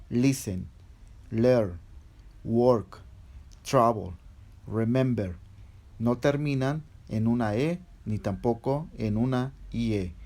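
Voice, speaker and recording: A man's voice: medium pitch, warm tone. A man teaching English verb rules in a patient, step-by-step lesson, spelling out letters one by one. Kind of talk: slow step-by-step grammar explanation.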